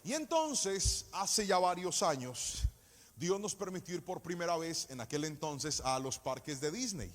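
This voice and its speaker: A man preaching from the pulpit, his voice pitched high and ringing with a long hall echo. He swings into a lilting, sing-song cadence and pushes up to full shouts at the peaks. Between the peaks he tells personal stories. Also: lively intonation, measured pace. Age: adult, married with a child. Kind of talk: sermon with personal storytelling. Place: church service. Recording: echoey church hall.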